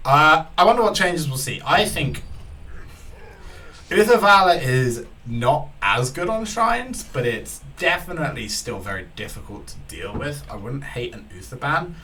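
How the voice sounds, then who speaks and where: A man's voice: medium pitch, expressive, measured pace, bright, forceful tone, far from the mic, a little hiss or hum. A Scottish man casting a live esports match, talking casually with dry, self-deprecating humor about being tired. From Scotland. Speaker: esports caster.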